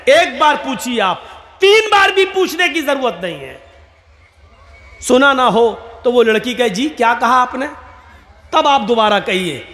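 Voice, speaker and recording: A man preaching a sermon at a religious gathering, animated and swinging between loud emphasis and soft asides. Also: very high voice. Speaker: Islamic preacher. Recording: echoey hall, faint noise.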